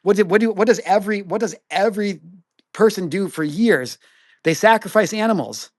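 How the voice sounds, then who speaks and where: Young guy rattling off his faith story, kinda high voice, slangy, dry close sound. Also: no room sound. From Mexico. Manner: casual and conversational, slangy, fast bursts with restarts. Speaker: podcast guest sharing his faith testimony. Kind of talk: animated faith talk.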